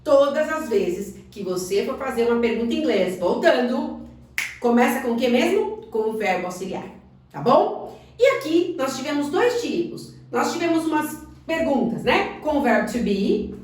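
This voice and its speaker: Lively woman teacher in an echoey room. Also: sits high, far from the mic. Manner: lively, coaxing, asks the learner questions; speaks slowly on English examples. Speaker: English teacher. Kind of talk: online language lesson.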